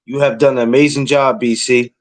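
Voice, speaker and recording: A man's voice: mid-range voice, fairly even intonation, a little fast. A man in his forties hosting a casual podcast, talking bluntly in streetwise slang and giving life advice in a preachy way. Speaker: podcast host.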